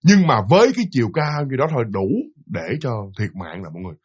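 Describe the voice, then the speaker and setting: A young man telling a ghost story in a casual, lively way, often repeating words and talking straight to his listeners. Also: mid-range voice, quick pace, husky. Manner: lively, repetitive, addresses listeners directly.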